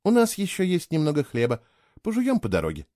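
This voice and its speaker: A man voicing a brisk, cool-headed young woman traveler who talks in a curt, mocking way. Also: on the high side, huge pitch swings, warm tone, no echo, clean studio sound, voice pushed up. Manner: curt, mocking, matter-of-fact.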